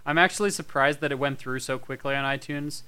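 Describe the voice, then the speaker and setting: Man, podcast host, casual chat, rambling restarts, bright, clear. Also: mid-range voice, brisk.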